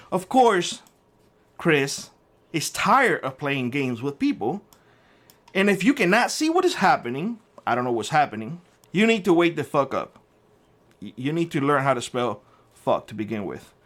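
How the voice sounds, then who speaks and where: Here the prepper vlogger, a middle-aged Cuban man with a Cuban Spanish accent, lays into a commenter, cursing frequently throughout his rant. His voice sits a little high and sounds a bit bright.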